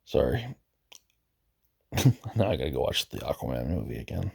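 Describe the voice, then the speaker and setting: A man's voice: a bass voice, sing-song, normal speed, creaky, breathy edge. A man giving casual, rambling commentary while browsing a video game roster, hesitant and often correcting himself, losing his voice. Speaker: gaming video host.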